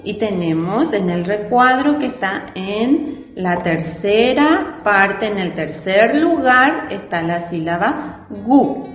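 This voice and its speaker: A woman teacher walks young children through a spelling lesson, slowly and patiently, her voice rising and falling with lively, sing-song pitch. She sounds fairly high, and the recording sits in a roomy space with a long reverb and faint music underneath. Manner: patient, spells out syllables and asks the class questions.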